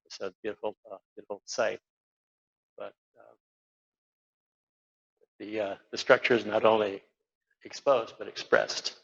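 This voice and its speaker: A man's voice: lowish voice, little pitch movement, measured pace, gravelly, long pauses. An older man giving an informal slide lecture as an architect, rambling with many fillers and restarts. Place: lecture hall at an awards event. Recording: dull lo-fi lecture recording.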